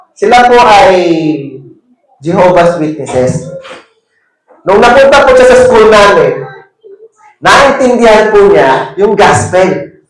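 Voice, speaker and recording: A man with a Filipino accent preaching a sermon, mixing Tagalog and English and often asking "no?". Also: high voice. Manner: mixes Tagalog and English, frequent "no?" tag questions. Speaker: teacher. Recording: echoey room.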